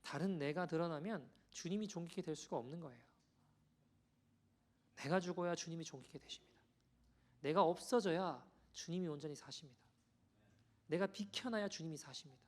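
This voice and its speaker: A man preaching a sermon as pastor, conversational and animated as he tells a story to the congregation. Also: on the high side, moderate pace, long pauses. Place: church sanctuary.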